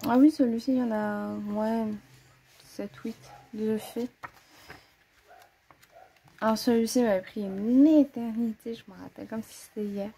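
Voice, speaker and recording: A woman's voice: on the high side, steady tone, unhurried, vocal fry, long pauses, dark tone, a little hiss or hum. A woman casually showing her coloring books to the camera, chatty, thinking aloud and correcting herself as she goes. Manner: frequent hesitations and "voilà" fillers. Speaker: coloring-book hobbyist presenting her collection. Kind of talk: casual show-and-tell chat to camera.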